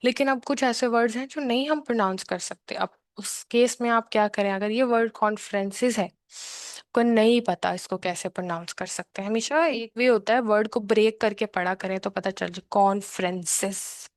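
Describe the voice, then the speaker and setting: A woman's voice: fairly high pitch, moderate pace, dry recording. A woman tutoring for an exam, explaining patiently and repeating herself, with frequent check-ins. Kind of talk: explanatory lesson, mixing English terms into her talk.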